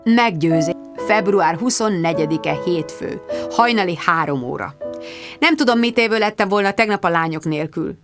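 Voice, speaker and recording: A woman narrating a first-person audiobook in a lively, expressive way, close to the mic. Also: lowish voice, over music.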